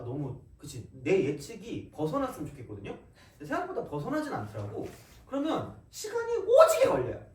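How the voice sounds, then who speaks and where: A man teaching math with a casual, joking manner, his voice swinging high and wide. He is picked up from across the room, with echo from the classroom walls. Faint background noise sits under his voice. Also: darkish tone. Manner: casual, joking, talks straight to students with quick asides. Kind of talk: recorded classroom math lecture. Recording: echoey classroom, mic at a distance.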